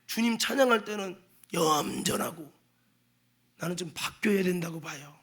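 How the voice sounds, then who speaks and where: A male pastor giving a Sunday sermon in a church, emphatic and dramatic, acting out quotes and sometimes shouting. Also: sits high, normal speed, husky. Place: church sanctuary.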